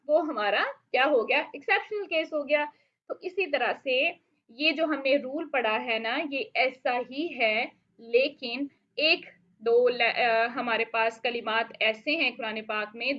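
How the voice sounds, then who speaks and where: A woman teaching Quran recitation rules, patiently explaining and asking questions she then answers herself, with slow drawn-out recited verses. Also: high-pitched. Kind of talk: online tajweed lesson. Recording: dull lo-fi audio.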